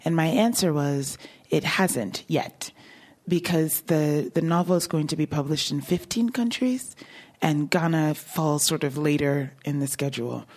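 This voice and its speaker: At a book talk, a woman novelist chats casually about her writing and fields audience questions, laughing often. Her voice sits low and is a little mellow, with a slightly slow pace.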